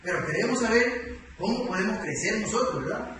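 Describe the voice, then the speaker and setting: A man's voice: sits high, lively intonation, fairly quick. A man, emphatic and full of rhetorical questions. He is recorded from a distance in a large church hall, with a strong echo and a constant background noise. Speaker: preacher teaching doctrine. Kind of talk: sermon.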